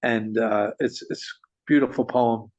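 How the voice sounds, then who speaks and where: A man telling a story in conversation, animated, with frequent restarts and small chuckles. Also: mid-range voice, measured pace. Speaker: guest storyteller. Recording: dull lo-fi sound.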